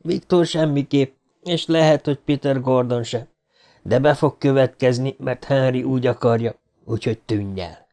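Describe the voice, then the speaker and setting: A man voicing a calm, grown-up inner voice that warns a frightened boy in a hushed, low tone. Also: natural voice. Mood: urgent hush.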